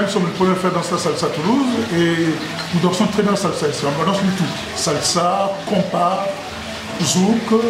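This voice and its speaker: A man in his sixties from Congo, a restaurant owner, answering interview questions in a jovial, rambling way that repeats itself, in his restaurant. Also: high voice. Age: 60s. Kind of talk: casual interview. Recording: echoey room with loud background noise.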